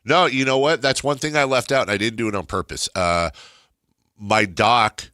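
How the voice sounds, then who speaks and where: A man's voice: mid-range voice, moderate pace, sharp tone, clean tone, no echo, clean studio sound. A middle-aged man with a stuffed-nose, very nasal voice, talking casually and ramblingly as a talk radio host, repeating words and poking fun at himself.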